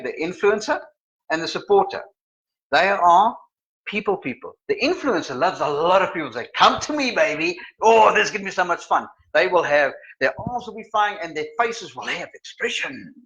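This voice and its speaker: A middle-aged man gives a lively live-streamed lesson. His fairly high, bright voice leaps up and down in pitch as he acts out examples. The sound is a little dull. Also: moderate pace. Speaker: personality trainer. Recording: slightly muffled sound.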